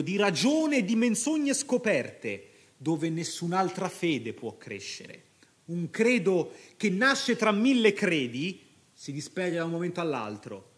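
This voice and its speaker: A man giving a lecture on a poem, reading it aloud and stopping for rhetorical asides to his listeners. His delivery is impassioned and his voice sits fairly high for a man.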